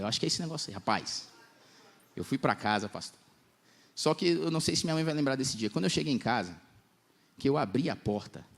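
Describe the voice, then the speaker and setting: Young male pastor, lively slangy storytelling sermon, acts out voices. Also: mid-range voice. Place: church congress hall.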